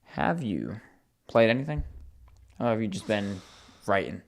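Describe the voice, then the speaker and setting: A man's voice: lowish voice, very animated, measured pace, vocal fry. A young man co-hosting a podcast in casual chat, sleepy and laid-back, swearing freely. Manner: laid-back, swears, agreeable filler replies. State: sleepy, yawning. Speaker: podcast co-host.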